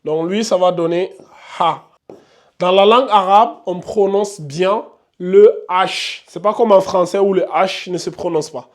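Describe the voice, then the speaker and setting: Patient teacher, higher-pitched man. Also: measured pace, hardly any pauses. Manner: repetitive, patient, thinks aloud with fillers. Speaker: Arabic and Quran reading teacher. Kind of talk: online lesson, writing on a board while explaining.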